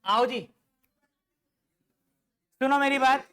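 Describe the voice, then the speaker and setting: A man's voice: extremely high pitch, steady tone, drawn-out words, sharp tone. A male accountancy teacher giving a live classroom lecture, firing questions at his students and addressing them fondly as he works through an example. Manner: quizzes the class with constant questions, calls students "beta".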